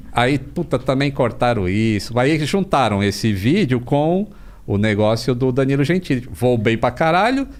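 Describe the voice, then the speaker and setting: A Brazilian man as a podcast guest, telling stories in a casual, animated way, with plenty of slang and swearing. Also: medium pitch, unhurried. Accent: Brazilian Portuguese. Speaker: podcast guest, aviation creator. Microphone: studio podcast mic.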